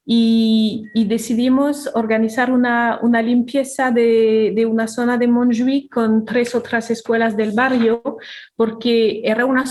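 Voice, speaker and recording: Earnest Belgian woman, slightly high voice. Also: a little mellow. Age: 40s. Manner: earnest, with small restarts. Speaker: guest, parent and neighborhood volunteer. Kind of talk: casual interview talk.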